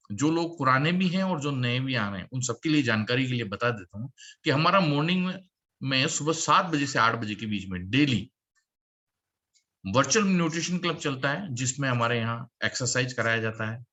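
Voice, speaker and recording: Man, presenter, upbeat sales pitch, emphatic repetition, bright forceful voice, pitch swinging for emphasis. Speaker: presenter at a business opportunity meeting. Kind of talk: presentation to an audience, calling slides and applause.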